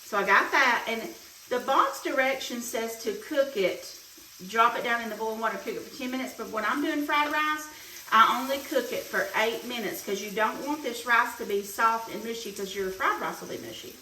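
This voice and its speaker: A woman's voice: fairly high pitch, moderate pace, sharp tone. A woman hosting a casual cooking demonstration, chatting homily as she works at the stove. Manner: chatty, homey, talks while cooking. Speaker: cooking show host. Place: home kitchen. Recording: roomy kitchen, mic at a distance, sizzle noise. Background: frying and sizzling pan.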